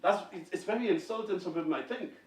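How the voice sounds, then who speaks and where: A man preaching a fervent sermon to a congregation, swinging between quiet talk and shouting. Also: high-pitched, fast talker. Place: congregation hall. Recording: echoey hall, distant mic.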